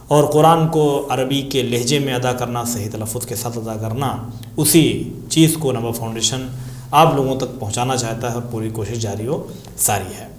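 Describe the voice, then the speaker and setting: A man's voice: mid-range voice, a little mellow, echoey room. A man teaching Quran recitation rules, patiently repeating sounds and examples. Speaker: Tajweed teacher answering questions. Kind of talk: religious lesson explaining Quran recitation.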